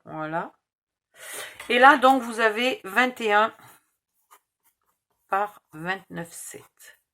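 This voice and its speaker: Slow-talking Provençal woman doing crafts. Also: medium pitch, expressive, bright, forceful tone. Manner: muttering measurements, self-correcting. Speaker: craft tutorial host. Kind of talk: casual crafting tutorial, thinking aloud.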